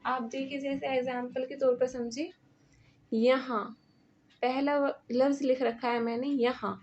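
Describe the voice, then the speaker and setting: High-voiced woman teaching a grammar lesson. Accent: Pakistani Urdu. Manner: patient, repeats and asks the viewer questions. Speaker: Urdu teacher. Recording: dull lo-fi recording.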